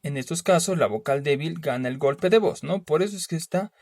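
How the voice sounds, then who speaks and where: The teacher goes over spelling at a slow pace, restating important terms and checking comprehension with frequent quick question tags. He has a slightly high, somewhat mellow voice, and the close recording is dry.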